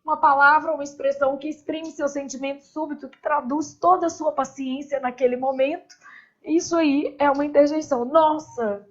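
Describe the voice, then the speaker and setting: A woman's voice: high voice, fairly even intonation, fairly quick, dull audio. A woman teaching a grammar class in a casual, chatty way, with joking asides and constant "né?" tags.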